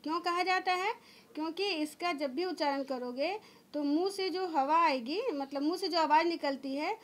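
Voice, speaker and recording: A woman school teacher giving an online grammar lesson to children, patiently explaining step by step and answering her own questions. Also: extremely high pitch. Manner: drawn-out demonstration sounds.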